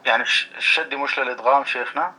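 A man's voice: mid-range voice, very fast, bright, forceful tone, poor audio. A male student, hesitant and asking follow-up questions.

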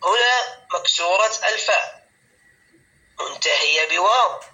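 A male teacher runs a grammar lesson in class, his high voice very bright and sharp, with lively intonation. He is patient, slowly repeating key words and frequently checking whether his students follow. The recording quality is low.

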